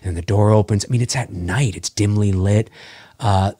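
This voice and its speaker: Podcast guest, male, fairly low voice, dry sound; chatty and long-winded, trips over words and restarts. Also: moderate pace, dark tone, no room sound. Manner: talkative, gropes for words and restarts mid-thought. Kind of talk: casual podcast chat.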